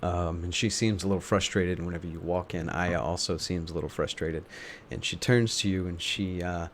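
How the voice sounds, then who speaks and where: A man improvising narration as a tabletop game master, thinking aloud in a halting way. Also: deep voice, fairly even intonation.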